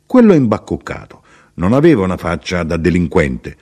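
A man's voice: low-pitched, very animated, normal speed, a little mellow, husky, heavily acted. A man voicing a chatty, contented middle-aged clerk on a train, eager and sociable in a raised voice. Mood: gossipy. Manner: eager, cheerful, insistently sociable.

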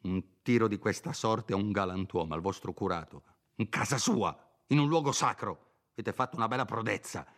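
A man's voice: lowish voice, measured pace, close to an everyday voice. A man voicing a timid, frightened older village priest in an audiobook reading, whining and sometimes whispering. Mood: bitter scolding. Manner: whining, fearful, at times whispering.

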